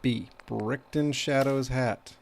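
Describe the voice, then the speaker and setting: A man's voice: mid-range voice, slow pace, gravelly, soft background music. A man giving casual, self-deprecating gameplay commentary, thinking aloud as he streams. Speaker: game live streamer.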